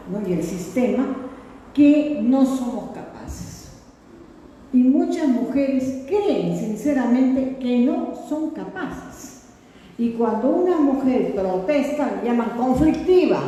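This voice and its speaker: A woman's voice: on the high side, warm tone, slight background noise. An older woman from Peru, giving a political lecture in a conversational, ironic way and tagging her points with rhetorical questions. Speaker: sociologist lecturer. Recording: echoey hall with long reverb.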